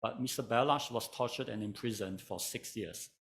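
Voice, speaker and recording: Low-voiced man giving a lecture. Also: fairly bright tone. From Malaysia. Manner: measured, storytelling, dry humor. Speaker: panel speaker. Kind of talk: conference lecture.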